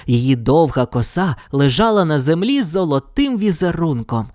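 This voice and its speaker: A woman with a lowish voice narrates a children's audio story, rising and falling expressively. The recording is close and dry, with no room at all. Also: very animated, normal speed, a little mellow, no room sound.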